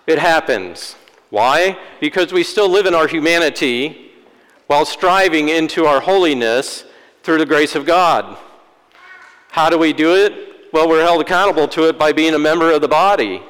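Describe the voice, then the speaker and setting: A priest delivering a sermon in a church, with wry, self-deprecating humor. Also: male voice, a little high, moderate pace, fairly bright tone, clear, resonant tone. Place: church sanctuary. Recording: long church-hall reverb.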